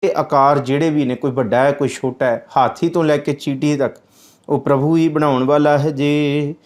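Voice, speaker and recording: A man expounds scripture in a somewhat high voice. He draws out each verse slowly, then explains it in everyday speech. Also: steady tone, darkish tone. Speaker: scripture commentator. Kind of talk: religious scripture exposition.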